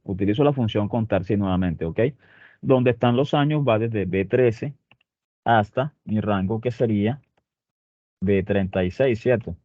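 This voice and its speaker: A man's voice: fairly low pitch, no echo. A man teaching a spreadsheet lesson, explaining step by step and checking in with his students often. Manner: explains step by step, with frequent "¿ok?" and "muchachos" check-ins. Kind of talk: spreadsheet tutorial. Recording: tinny phone-like, dry sound.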